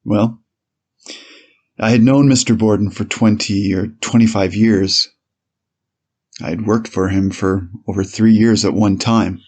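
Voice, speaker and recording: A dramatized courtroom reading features a man as an 1890s police officer whose witness-stand testimony is formal, measured and slightly hesitant. His voice is on the low side and steady, darkish in tone with a breathy edge.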